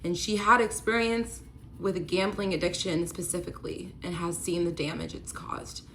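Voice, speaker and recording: A woman's voice: fairly low pitch, steady tone, moderate pace, fairly bright tone, slight background noise. A woman telling a personal story in a candid, conversational way, with many casual fillers.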